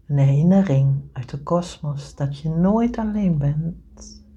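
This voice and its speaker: Slow, dark-toned woman guiding meditation. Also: sits low, husky, dull audio. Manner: slow soothing delivery, often whispered. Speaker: meditation guide. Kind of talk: guided meditation.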